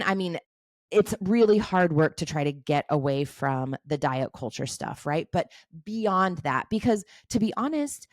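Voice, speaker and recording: A woman in her forties with a fairly low voice talks candidly as a coach, casual and blunt, with the odd swear word. The sound is dry and close, with no room echo at all. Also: darkish tone. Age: 40s. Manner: frank, swears casually, laughs easily.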